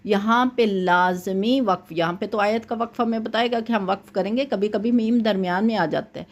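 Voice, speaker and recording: A woman teaching Quran recitation rules, explaining each point patiently and chanting verses slowly to demonstrate. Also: medium pitch. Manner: often checks in with "thik hai". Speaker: tajweed teacher. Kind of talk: Quran recitation lesson with corrections.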